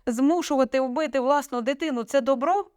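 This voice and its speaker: Brief: woman doing a young storybook daughter, tearful but defiant, higher voice, dry sound. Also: expressive, moderate pace, darkish tone, dry recording, lightly acted. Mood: bitter resolve. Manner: pleading then defiant, emotional.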